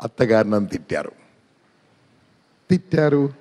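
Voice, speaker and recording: A middle-aged man giving a motivational seminar talk, energetic, quizzing the audience and mixing in English phrases. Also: on the low side, unhurried. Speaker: motivational speaker.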